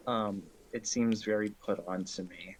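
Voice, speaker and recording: A man's voice: lowish voice, steady tone, measured pace. A man streaming a speedrun, chatting loosely with friends and swearing a lot as he muses. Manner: loose, profane, musing. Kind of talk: casual chat.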